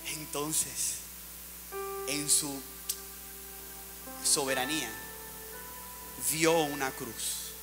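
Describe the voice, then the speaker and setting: A man preaching a sermon to his church, with big swings in loudness as he acts out the people in the story. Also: fairly high pitch, little pitch movement, extremely slow, pauses often, long reverb tail, music in the background. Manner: preaching with dramatic swings, acting out Bible characters. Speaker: pastor.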